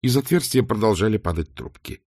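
A male narrator reads a story aloud with expressive, storytelling delivery. His pitch moves lively up and down. The recording is dry and close to the mic. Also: brisk, no echo. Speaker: audiobook narrator. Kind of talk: scripted narration.

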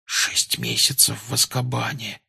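A man's voice: medium pitch, big pitch swings, moderate pace, a little mellow, slightly rough, voice pushed up. A man reading aloud and voicing a tense, earnest teenage schoolboy wizard.

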